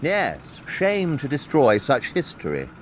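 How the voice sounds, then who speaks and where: An actor playing Sherlock Holmes, a confident, deductive detective, speaking deliberately and theatrically in an audio drama. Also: male voice, medium pitch, wildly swooping pitch, slight background noise. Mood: knowing, teasing. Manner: deliberate, theatrical, self-assured.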